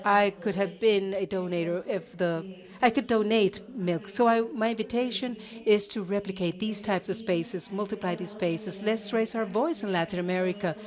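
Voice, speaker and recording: Woman interpreting a panel live, stops and restarts a lot, mid-pitched, crowd murmur behind. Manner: halting, with cut-off words and restarts. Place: conference auditorium.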